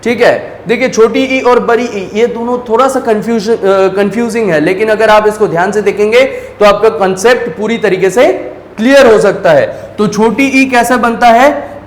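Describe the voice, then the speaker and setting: High-voiced male teacher, echoey room. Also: normal speed. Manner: patient, asks questions then answers them. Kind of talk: explaining lesson at a board.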